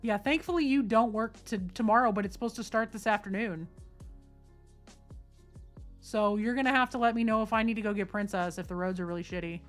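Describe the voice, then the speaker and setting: A woman's voice: mid-range voice, fairly quick, soft background music. A woman chatting casually to her live-stream viewers from a desk at home, talking straight to them. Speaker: livestreamer. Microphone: desk microphone.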